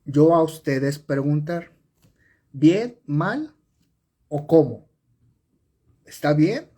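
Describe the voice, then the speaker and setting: A man's voice: on the high side, animated, extremely slow, dark tone, breathy edge. A man teaching sign language on a live stream, explaining step by step, repeating and correcting himself with many fillers. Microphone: phone or webcam on a live stream.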